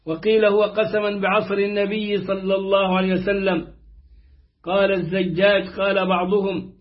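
A man reading aloud a classical Quran commentary in a steady, formal manner. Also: sits high. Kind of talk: measured reading of classical tafsir. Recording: dull lo-fi recording.

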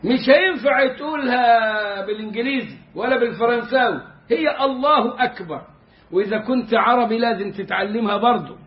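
A man's voice: very high-pitched, animated, fairly quick, reverberant, lo-fi sound. A man with an Egyptian Arabic accent teaching a religious lesson, joking and stretching out words to show how they are pronounced. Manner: humorous, demonstrative, drawing out words to teach pronunciation. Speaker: Islamic jurisprudence teacher.

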